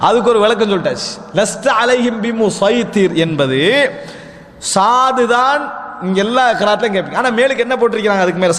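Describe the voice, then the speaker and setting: A man gives an Islamic lecture. He addresses his listeners as brothers and poses rhetorical questions, then answers them himself. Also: sits high. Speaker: Islamic preacher. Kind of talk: religious lecture. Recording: long hall reverb.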